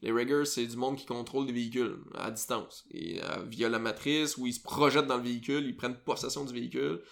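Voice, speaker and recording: A man with a Quebec French accent hosts a casual podcast chat, wandering through his explanations with frequent fillers and restarts. His voice has a gravelly, creaky edge. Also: medium pitch, fast talker. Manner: rambling, lots of fillers and self-corrections. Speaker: podcast host.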